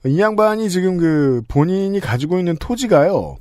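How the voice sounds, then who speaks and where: A male host leads a loose panel chat, his voice sitting a little high and swinging widely. He laughs often and keeps things moving with short replies. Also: animated, normal speed, darkish tone, no room sound, studio quality. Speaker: podcast host.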